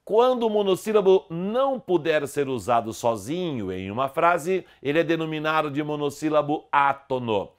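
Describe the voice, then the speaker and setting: A man giving an online grammar lesson, explaining word stress in a didactic way and slowly stressing syllables. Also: a little high, clear, resonant tone. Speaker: grammar teacher.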